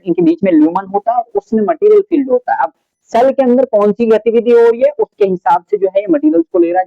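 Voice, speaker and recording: With a high-pitched voice, a man delivers a biology lesson at the board, asking his students things and answering himself, and weaving in English terms. There's no room sound, and the audio is dull.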